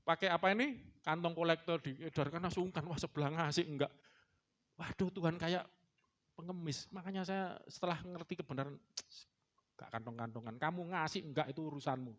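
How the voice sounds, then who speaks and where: A man's voice: on the high side, fairly quick, fairly bright tone. A male pastor with an East Javanese accent gives a chatty, teasing sermon in a church, slipping in Javanese words. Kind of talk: casual joking sermon. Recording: dull lo-fi recording.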